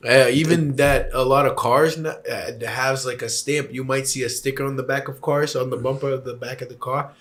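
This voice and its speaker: A man telling a story in casual chat, emphatic and animated, acting out what was said. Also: mid-range voice, normal speed, few pauses. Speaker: hiker recounting a climb.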